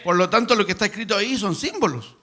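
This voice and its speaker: Bright-voiced preacher, high and emphatic. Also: male voice, expressive, quick pace. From Chile. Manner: rising to emphatic preaching with rhetorical questions. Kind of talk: sermon. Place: church sanctuary.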